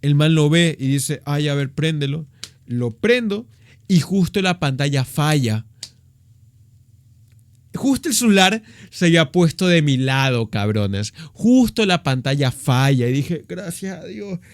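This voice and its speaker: A young man in his twenties with an Ecuadorian accent, telling a story on his vlog in a slangy, profane, animated way. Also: a little high, unhurried, no echo, clean studio sound. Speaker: vlogger.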